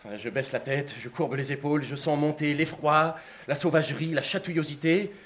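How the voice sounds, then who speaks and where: A man's voice: a little high, brisk. Theatrical male reader of literary prose. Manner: expressive, theatrical, shifting from hushed to excited. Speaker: narrator. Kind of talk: dramatic reading of a literary text.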